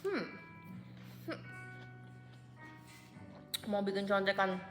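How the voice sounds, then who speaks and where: Speaking extremely slowly but expressively, a woman in her twenties vlogs from home in a medium-pitched, slightly bright voice. Faint music sits behind her in an echoey room as she chats casually, using lots of fillers and slipping into English phrases.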